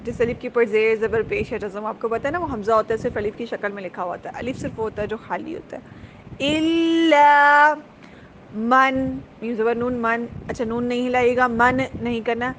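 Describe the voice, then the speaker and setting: Brief: fairly high-voiced woman, patient recitation teacher, faint hiss behind. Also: fairly even intonation. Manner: patient, repeats sounds slowly, drawls recited words. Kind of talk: tajweed lesson, explaining letter sounds.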